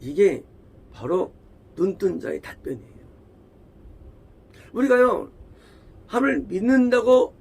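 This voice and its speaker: Husky, high-voiced Korean pastor preaching. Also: male voice. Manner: emphatic, repeats phrases, asks rhetorical questions. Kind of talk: sermon.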